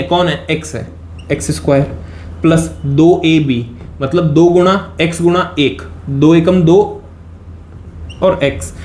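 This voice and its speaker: A man's voice: fairly high pitch, darkish tone, echoey room, slight background noise. A man teaching maths in a chatty, repetitive classroom style, checking in often with his students. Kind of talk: classroom lesson explaining step by step.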